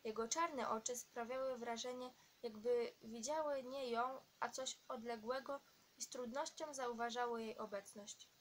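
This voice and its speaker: A woman narrating an audiobook at a steady reading pace, now and then stumbling and restarting a word. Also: a little high, a little slow, a little hiss or hum. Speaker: audiobook reader.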